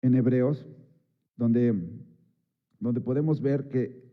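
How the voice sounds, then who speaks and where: A man's voice: medium pitch, steady tone, slow pace, phone-quality sound. A man preaching a Sunday sermon in a chatty way, with many fillers and rhetorical asides to the congregation. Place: church service.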